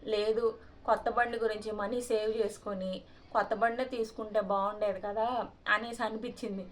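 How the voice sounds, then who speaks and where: A woman's voice: medium pitch, little pitch movement, moderate pace, a little hiss or hum. A woman in her thirties, a vlogger earnestly telling viewers about an aggrieving personal experience and addressing them politely. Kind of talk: personal story told to viewers.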